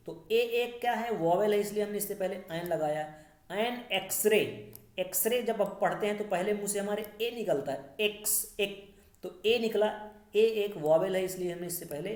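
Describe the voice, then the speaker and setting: A woman teacher going through a grammar lesson, patiently explaining each rule step by step and slowing down to read the English examples aloud. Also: on the low side, darkish tone, reverberant.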